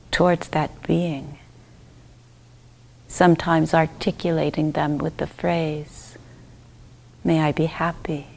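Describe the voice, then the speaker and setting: A meditation teacher with a low-pitched voice leads a guided loving-kindness meditation. She speaks gently and softly in short phrases, leaving long pauses and letting her endings trail off breathily.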